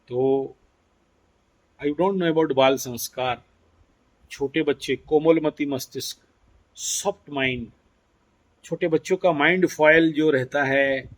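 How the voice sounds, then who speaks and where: A man teaching astrology in an explanatory lecture. He mixes in English phrases and keeps asking his listeners rhetorical questions. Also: mid-range voice.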